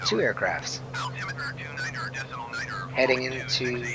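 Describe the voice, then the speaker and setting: A man's voice: medium pitch, sing-song, slow pace. A man giving casual, rambling flight simulator commentary, thinking aloud as he plays. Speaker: flight simulator streamer and reviewer. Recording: clear engine drone and noise.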